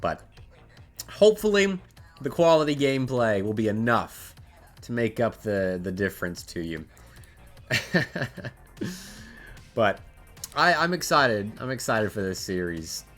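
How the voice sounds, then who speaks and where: A man's voice: lowish voice, big pitch swings, a little slow, long pauses, fairly bright tone, faint music behind. A man with a nasal, stuffy voice from allergies, chatting casually as he opens an esports match stream from his desk setup. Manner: chatty, rambling, frequent restarts. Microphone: desk microphone at a home streaming setup.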